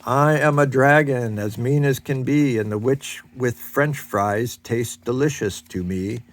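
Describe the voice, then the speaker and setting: A man's voice: mid-range voice, unhurried, lightly acted. An older man voicing a mean, boastful male dragon in a rhyming picture book read aloud.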